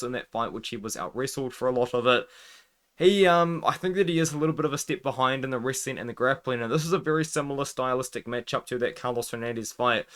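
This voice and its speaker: A man's voice: medium pitch, a bit bright. A man with a mid-range voice talks through a fight preview in a casual, conversational way. He has a slight lisp, the sound of someone wearing a retainer he is not used to. He often qualifies his opinions as he goes. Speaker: MMA fight prediction host.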